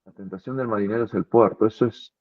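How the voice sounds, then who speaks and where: A man's voice: lowish voice, fairly even intonation, fast talker, dry recording. A man in an earnest, reflective philosophical conversation, often repeating words as he thinks. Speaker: philosophy commentator. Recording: tinny phone-like line.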